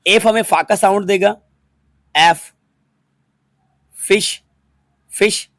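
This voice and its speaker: A man's voice: sits high, fairly even intonation, drawn-out words, a bit bright, no room sound, studio quality. A man teaching a phonics lesson to students, patiently spelling words out letter by letter and repeating each one. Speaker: English teacher.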